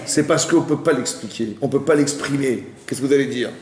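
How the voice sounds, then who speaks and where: A man teaching a lively Torah class, firing rapid questions at his listeners and acting out cries. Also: medium pitch, echoey room, crowd noise. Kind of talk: lively interactive Torah lesson.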